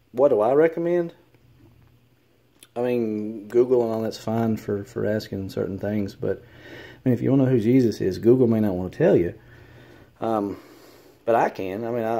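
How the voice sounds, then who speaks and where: A man's voice: lowish voice, vocal fry, warm tone. A man with a Southern US accent talking casually to camera, hesitant and earnest with many ums and uhs.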